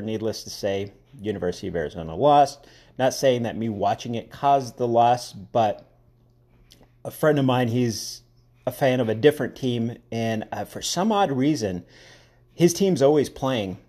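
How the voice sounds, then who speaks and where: A man talks alone on his podcast in a casual, rambling way, wry and opinionated as he wanders off on side stories. His voice is mellow and on the darker side, sitting at an average pitch. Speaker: podcast host. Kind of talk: casual solo podcast monologue.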